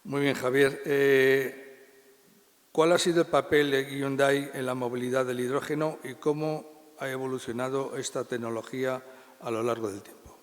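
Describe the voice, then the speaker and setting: A man's voice: medium pitch, level tone, moderate pace. A man moderating a round table, reading bios with hesitant fillers. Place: university conference hall. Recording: long reverb in a lecture hall.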